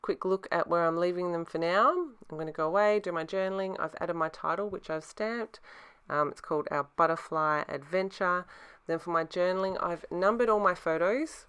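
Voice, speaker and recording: A middle-aged woman narrates a craft process in a low, very smooth and clear voice. She speaks casually, with a slight lisp from her braces and a mouth that is a little sore. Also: moderate pace, fairly bright tone. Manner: talks with a sore mouth from newly adjusted braces. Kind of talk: casual craft tutorial voice-over.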